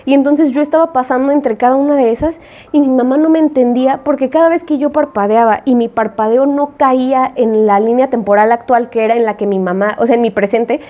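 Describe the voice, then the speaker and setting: A young woman with a Mexican accent tells a story in casual slang, acting out her own reactions as she goes. Her voice sits fairly high but sounds soft and mellow. She speaks as an indie game developer talking straight to her viewers. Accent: Mexican Spanish.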